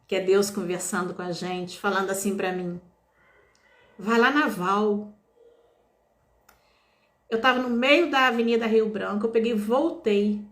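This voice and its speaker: Chatty woman therapist. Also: on the high side. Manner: chatty, lively, often adds tag questions. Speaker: energy therapist. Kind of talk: personal storytelling talk. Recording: roomy echoey room.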